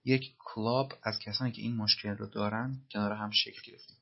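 A man teaching English, repeating film lines slowly and then explaining them in Persian. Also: on the low side, fairly even intonation, gravelly, muffled recording.

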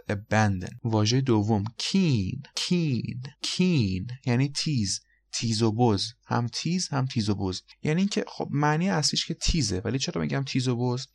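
A man teaching English vocabulary, explaining each word patiently and repeating words slowly for pronunciation. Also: fairly low pitch, creaky, fairly bright tone. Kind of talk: vocabulary lesson.

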